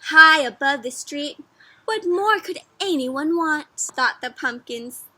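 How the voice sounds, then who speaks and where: Taking it slowly, a high-voiced woman leads an interactive storybook reading for young children, expressive and teacher-like, often asking the kids questions. No room sound comes through.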